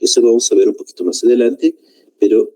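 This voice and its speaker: A man's voice: medium pitch, fast, mellow, low-quality recording. A man whose first language is Spanish, teaching a Portuguese lesson and often slipping Spanish words in, checking in with "né?" and "tá?".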